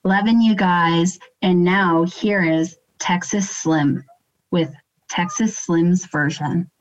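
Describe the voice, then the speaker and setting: Canadian woman's lower voice, dull lo-fi recording. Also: steady tone, slow pace. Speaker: podcast guest. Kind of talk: casual podcast chat. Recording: dull lo-fi sound.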